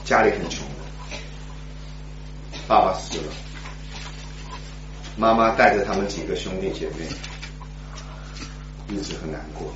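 A man preaching a sermon as a story, swinging dramatically between hushed and loud, heard in an echoey, distant, dull recording. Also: sits low, measured pace, pauses often, noisy background.

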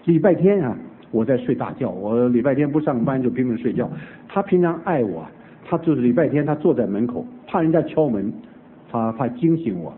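A man preaching, telling a family conversion story with lively acted-out dialogue. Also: medium pitch, brisk. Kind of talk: sermon testimony storytelling. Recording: tinny phone-like old recording.

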